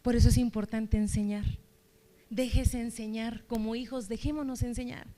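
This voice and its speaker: Higher-voiced woman preaching a sermon. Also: steady tone, dark tone. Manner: exhorting with rapid rhetorical questions. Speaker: church leader preaching.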